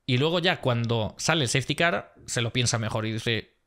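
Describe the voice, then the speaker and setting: A man's voice: mid-range voice, animated, normal speed, a bit bright. A man hosting a post-race analysis vlog, retelling events in an emphatic, exasperated way. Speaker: motorsport vlogger.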